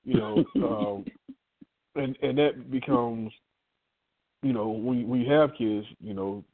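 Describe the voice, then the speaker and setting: A man co-hosting a casual faith-based talk show, candid and joking, telling animated stories. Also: mid-range voice, slow, no echo, narrow, tinny audio. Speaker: podcast co-host.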